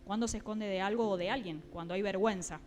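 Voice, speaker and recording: A woman preaching a sermon, often pausing with fillers and checking in with her listeners. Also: mid-range voice, a little mellow, slight background noise. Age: adult, mother.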